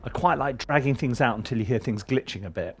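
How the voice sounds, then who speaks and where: Here a middle-aged man talks fast in a medium-pitched voice over a noisy background. He's a film-scoring teacher giving a casual, rambling screen-share tour of his music session, full of ums and restarts, with his session's music faintly audible.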